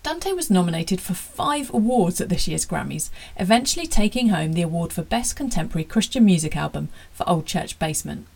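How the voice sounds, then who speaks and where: Gravelly-toned woman radio host. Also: on the low side, big pitch swings, a little fast, few pauses, darkish tone. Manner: polished, reads smoothly from a script. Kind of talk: scripted radio intro.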